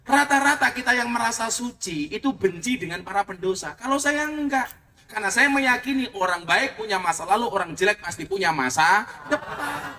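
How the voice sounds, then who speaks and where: A man's voice: high voice, animated, a little fast, pushed and bright. A man preaching a comic sermon, telling stories with playful jokes and asides. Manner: joking, storytelling, playful asides. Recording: distant mic with faint noise.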